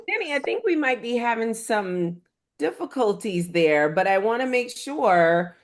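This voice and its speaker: A woman's voice: fairly high pitch, very animated, measured pace. A woman hosting a panel chat, encouraging the guests and affirming them as they speak. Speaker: panel host.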